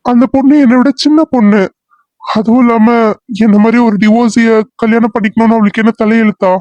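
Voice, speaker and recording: Heartbroken young police officer in a cartoon serial, voiced by a man; tearful, halting, fairly high voice. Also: fairly even intonation, a little mellow, no echo, dull audio. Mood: denying. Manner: halting, denying his feelings.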